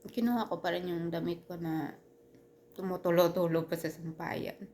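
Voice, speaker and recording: A woman telling a personal story in casual storytime style, halting with many restarts and fillers, earnest and turning heated at times. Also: fairly low pitch, fairly even intonation, warm tone, a little hiss or hum.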